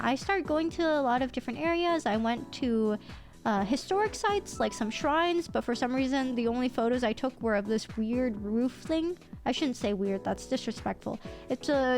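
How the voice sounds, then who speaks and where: A woman's voice: fairly high pitch, darkish tone. Young woman, streamer, casual chat, slight lisp, a bit nasal, a little sick, rambling and self-teasing. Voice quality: somewhat nasal. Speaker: VTuber streamer.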